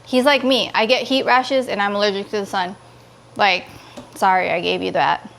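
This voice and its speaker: A woman from California in her thirties chatting casually to her vlog viewers in an expressive, gushing way. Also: medium pitch, normal speed, gravelly, slight background noise. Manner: expressive, pleading and gushing, quotes others in dialogue. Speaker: vlogger.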